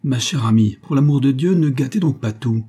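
A man reading aloud and voicing a suave baron with an ironic, smooth way of talking. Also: fairly low pitch, steady tone, brisk, mellow.

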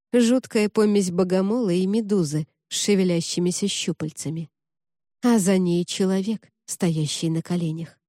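Warm-voiced woman narrating an audiobook. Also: mid-range voice, no room sound, clean studio sound. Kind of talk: first-person audiobook narration.

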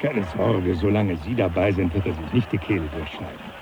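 An actor playing a jovial, teasing professor who laughs often, in a radio play. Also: male voice, sits low, brisk, highs cut off, lightly acted. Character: jovial older male professor, mocking. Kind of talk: 1980s radio play acting.

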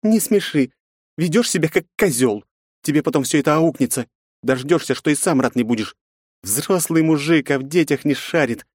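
A sharp-tongued, protective aunt with a raised, biting voice, as a male narrator voices her. She is read from a storybook in a dry, close recording. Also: fairly high pitch, animated, normal speed, dry recording, voice pushed up. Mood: scolding. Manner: sharp, scolding, mocking. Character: stern, protective woman, the girl's aunt.

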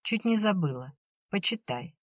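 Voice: medium pitch, lively intonation, normal speed, dry recording, clean studio sound, voice pushed up, close to an everyday voice. A narrator voicing a firm, decisive young woman talking curtly with her sister in an audiobook reading. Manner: firm, curt.

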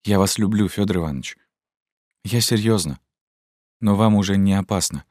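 A man reading an audiobook voices a young woman, an earnest student in love, in a soft, pleading, raised voice. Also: low-pitched, normal speed, no echo, pitched above the performer's own voice. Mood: tender. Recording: dry close studio sound.

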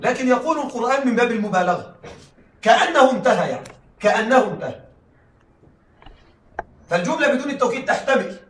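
A man's voice: extremely high pitch, animated, quick pace, pauses often, a bit bright, a little hiss or hum. A male teacher giving a classroom lecture, often checking that the class follows and laughing lightly as he explains. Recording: echoey room, mic at a distance.

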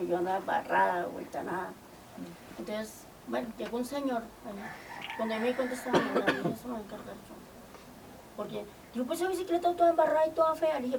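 An older woman from Colombia, telling lively stories from her community work, often acting out quoted dialogue. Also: a little high. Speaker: community organizer. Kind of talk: storytelling. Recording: distant mic with clear background noise.

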